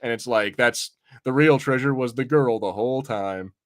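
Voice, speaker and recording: At medium pitch and normal speed, a man chats on his podcast about things he's watched, rambling in an informal, occasionally sweary review.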